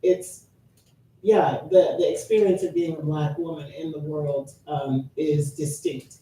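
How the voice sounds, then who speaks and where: A woman's voice: fairly even intonation, a little slow, mellow, recorded from a distance. A woman in her late thirties from Trinidad, a musician guest chatting thoughtfully on a radio show with many restarts. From Trinidad and Tobago. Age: late 30s. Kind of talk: casual interview chat. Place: radio studio. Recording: echoey studio, off-mic, faint rumble.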